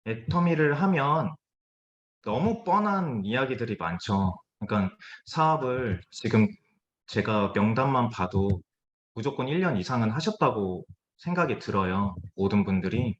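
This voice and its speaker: A man's voice: mid-range voice, lively intonation, measured pace. A man as guest speaker giving a motivational business talk over a video call, conversational with frequent hesitations. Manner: conversational, many hesitation fillers. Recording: dull lo-fi video call audio.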